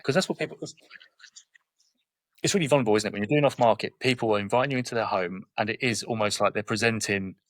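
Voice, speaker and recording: A man in his forties with a southern English accent, guesting on a podcast. He talks quickly and directly, acting out little exchanges as he goes, in a low-ish voice. The sound is close and dry. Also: dry recording. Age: 40s. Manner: straight-talking, tells anecdotes with quoted dialogue. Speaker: guest, property investor. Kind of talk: podcast interview conversation.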